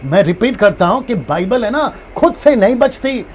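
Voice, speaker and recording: A man's voice: high-pitched, big pitch swings, moderate pace, darkish tone, a little hiss or hum. A man preaching as a pastor in a live-streamed Bible teaching, who repeats his key points and acts out different tones of a phrase.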